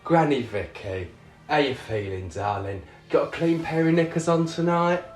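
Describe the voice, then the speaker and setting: A man's voice: a little high, expressive, moderate pace, over music. A man hosting a show as a drag queen, with a camp, cheeky, theatrical manner. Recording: roomy echo on the voice.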